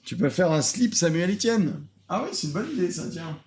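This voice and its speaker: A man hosting a casual reaction commentary, sarcastic and self-mocking, often trailing off into quiet muttered asides. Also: high-pitched, expressive, moderate pace, a little hiss or hum. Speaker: host reacting to cooking videos.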